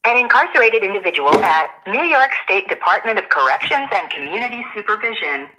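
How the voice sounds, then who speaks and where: Bright crisp lady voice on a payphone collect-call recording, formal, reads it flat and steady. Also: mid-range voice, brisk, slight background noise. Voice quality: crisp, evenly paced, formal. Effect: automated prepaid collect call message over a phone line. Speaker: automated phone system announcer. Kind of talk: recorded scripted announcement.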